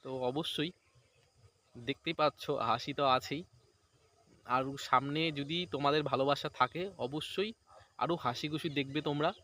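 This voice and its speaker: A man's voice: fairly high pitch, steady tone, moderate pace, long pauses, pushed and bright. Chatty man vlogging outdoors. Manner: rambling, keeps asking "right?". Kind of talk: casual vlog chat. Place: outdoors beside a paddy field.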